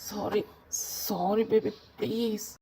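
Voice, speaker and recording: Fan audio drama: woman as a remorseful young man, soft and coaxing. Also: mid-range voice, fairly even intonation, takes it slowly, a little hiss or hum, low-quality recording. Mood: apologetic.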